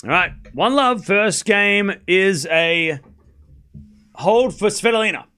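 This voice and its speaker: A man hosts a live sports watchalong in a hoarse, smoker's rasp. His voice sits a bit high and cuts through brightly and forcefully. He calls play informally and repeats himself between chats with viewers. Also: slow pace. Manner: informal, repeats scores and phrases. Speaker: host of a live tennis watchalong. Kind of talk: casual live sports commentary and chat with viewers.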